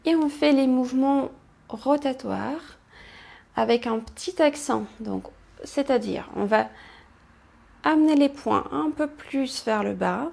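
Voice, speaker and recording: A woman instructor calmly guiding a pilates class, cueing movements and counting, with soft whispered asides. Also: high voice, takes it slowly, gravelly. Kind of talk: guided exercise class instruction.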